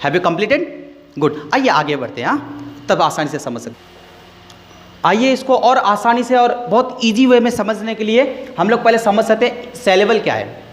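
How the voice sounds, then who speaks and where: A man teaches a grammar lesson in a high, very animated voice that leaps up and down as he stresses each point. He goes over terms again and again and keeps quizzing his listeners. The room gives his voice a long, ringing reverb. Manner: explains slowly, repeats key words, quizzes listeners.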